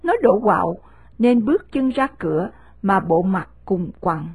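Woman reading a novel aloud, kinda husky, dry close sound, calm steady pace. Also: medium pitch, dry recording. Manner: steady, measured storytelling. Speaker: narrator. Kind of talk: scripted audiobook narration of a novel.

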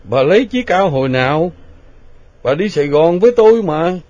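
Man voicing a stern middle-aged father, animated pitch, muffled lo-fi sound. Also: moderate pace, no echo, close to an everyday voice. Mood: incredulous. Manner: stern, then incredulous. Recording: dull lo-fi recording.

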